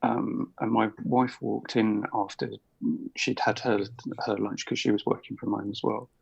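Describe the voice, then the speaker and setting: Low-ish gravelly husky guy, wry storyteller, dull lo-fi mic. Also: level tone, measured pace. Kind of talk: casual podcast chat.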